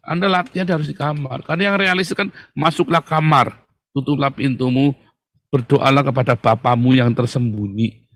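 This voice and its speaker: A man preaching a casual sermon, chatty and joking, swinging between loud emphasis and hushed, calm words. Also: fairly high pitch, no echo.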